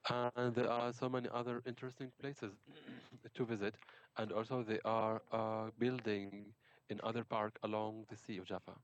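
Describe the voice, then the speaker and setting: A man working as an interpreter, relaying each speaker's words in turn and pausing often with fillers. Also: fairly low pitch, level tone. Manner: hesitant, many fillers. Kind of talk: consecutive interpreting.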